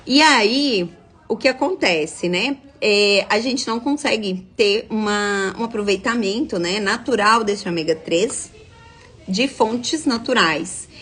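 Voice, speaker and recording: Husky-voiced woman explaining. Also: mid-range voice, a bit bright. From Minas Gerais, Brazil. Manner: explanatory, checks in with frequent tag questions. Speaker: nutritionist. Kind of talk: live-stream talk reading viewer comments.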